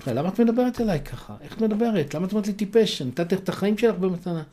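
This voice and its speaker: A man's voice: sits high, expressive, dark tone, voice pushed up. A man voicing an elderly, easily fooled old man who protests indignantly in a spoken folk tale. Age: older. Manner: indignant, complaining.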